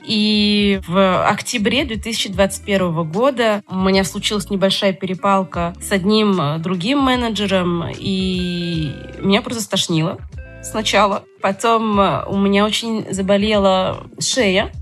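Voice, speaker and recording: A woman's voice: mid-range voice, normal speed, faint music behind. A woman speaking as a podcast guest, telling her own story conversationally.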